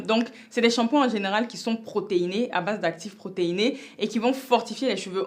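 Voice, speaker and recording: A woman giving a casual hair-care tutorial as a vlogger. She explains with emphatic, lively stress on key advice and chats freely with frequent fillers and restarts. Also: mid-range voice. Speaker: beauty vlogger.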